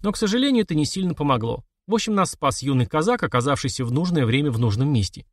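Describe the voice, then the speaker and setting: A man's voice: on the high side, sing-song, fast, no room sound, clean studio sound. A man playing a dryly ironic retired officer, a prince, in an audiobook.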